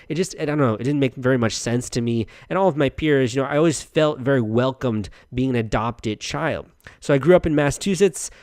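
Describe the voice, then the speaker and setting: A man's voice: medium pitch, a little mellow, no echo. A young American man hosting a podcast, talking in a friendly, chatty way with frequent restarts. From United States. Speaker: podcast host. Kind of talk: casual podcast monologue.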